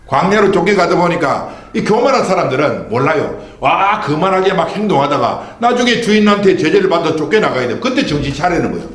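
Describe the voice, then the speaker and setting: A man's voice: a little high, big pitch swings, fairly quick, few pauses, a bit bright. A man pastor giving a Sunday sermon, preaching with rhetorical questions and calling on the congregation to repeat after him. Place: church sanctuary. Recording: echoey church hall.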